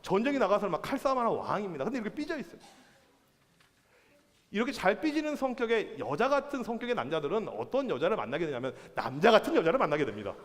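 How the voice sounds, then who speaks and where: A man preaching to a youth group in a church hall, playful and animated, acting out the people he talks about. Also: high voice, fast talker. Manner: animated, playful, acts out characters. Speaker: youth pastor. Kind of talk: sermon. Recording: long reverb of a hall.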